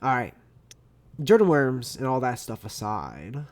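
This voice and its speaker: A man co-hosting a casual podcast chat who rants loudly, swears and jokes around. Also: mid-range voice, sing-song, unhurried. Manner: loud, joking, profane rants with mock voices. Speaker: podcast co-host.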